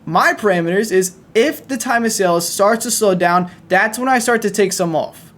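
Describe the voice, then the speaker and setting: A man's voice: high-pitched, normal speed, fairly bright tone. Young man, blunt vlog rant to viewers, swears freely, hard-pushing delivery. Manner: blunt, profane, pushy, talking straight at viewers. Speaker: trading content creator. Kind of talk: fast motivational rant to camera.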